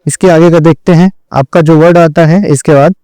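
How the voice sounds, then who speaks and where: A man's voice: fairly high pitch, fairly even intonation, fairly quick, dark tone, no echo, rough recording. A man teaching an online shorthand lesson, explaining each step and repeating "theek hai" after every point as he addresses his students directly. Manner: drills points over and over.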